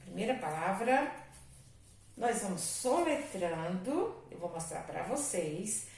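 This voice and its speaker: A Brazilian woman teacher giving a dictation lesson, spelling words slowly letter by letter and calling her pupils dear. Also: medium pitch, big pitch swings, gravelly, a little mellow. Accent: Brazilian Portuguese. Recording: echoey room, distant mic.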